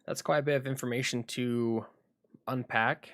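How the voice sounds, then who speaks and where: A man chatting casually on a solo livestream, rambling and thinking aloud with frequent pauses, at home at his computer. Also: mid-range voice, steady tone, fairly bright tone, dry recording, studio quality.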